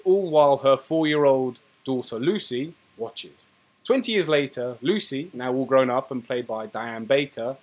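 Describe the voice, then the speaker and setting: A man hosting a film podcast, presenting in a narrated style. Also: mid-range voice. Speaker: podcast host.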